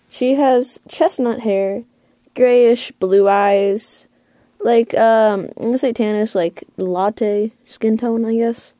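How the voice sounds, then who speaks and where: A woman voice actor, interviewed casually about her role, sounds hesitant and pieces her thoughts together as she goes. Her slightly high voice is steady and dark in tone, very slow with frequent pauses, and there's no echo.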